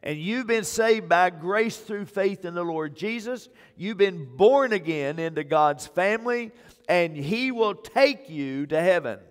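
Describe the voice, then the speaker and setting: A man's voice: high-pitched, animated, a little slow. An older man preaching a sermon as pastor, pressing his points with repeated phrases, on a church stage on a wireless mic. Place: church sanctuary stage, indoors. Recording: long reverb of a church hall.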